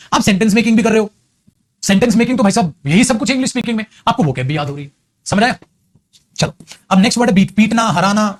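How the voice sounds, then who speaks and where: An English teacher with an Indian accent, coaxing students and slowly repeating example sentences. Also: male voice, high voice. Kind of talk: classroom lesson.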